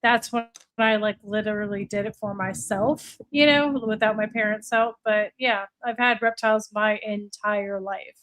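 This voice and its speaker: A woman in her late forties, originally from Florida and now in Virginia, speaks with an American accent as a podcast guest who breeds reptiles. Her mid-range voice is steady and fairly bright, moving at a moderate pace with few pauses as she chats casually. The audio quality is poor.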